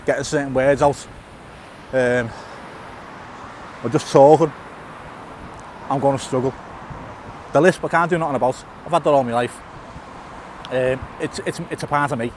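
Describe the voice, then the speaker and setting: Faint traffic hums behind a male YouTuber with a lisp as he vlogs on a casual walk by a tunnel in town. He talks at a normal speed in a mid-range voice with fairly even intonation, pausing often. He stutters, repeats and restarts words, and uses fillers.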